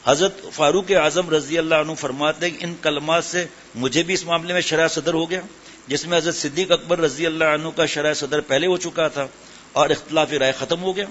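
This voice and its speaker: Higher-pitched preacher man, dull recording. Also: fairly even intonation, a bit bright. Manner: questions the audience directly, mixes in English words. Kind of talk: religious sermon to a live gathering.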